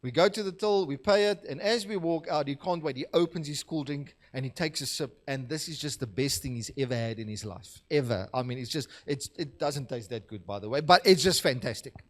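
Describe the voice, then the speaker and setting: A man's voice: on the high side, fairly quick, few pauses. A man, a pastor giving a sermon in a conversational, storytelling way and asking for the next slide. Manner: conversational storytelling, laughing at his own anecdotes; asks the slide operator for the next verse.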